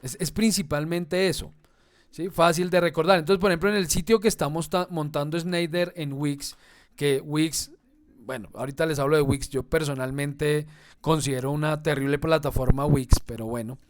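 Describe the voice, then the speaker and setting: A man's voice: on the high side, fairly even intonation, normal speed. A man who teaches an online class. He explains step by step and keeps checking in with his students. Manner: explanatory, talks to students, asks "¿sí?" and "¿no?" often. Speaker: instructor.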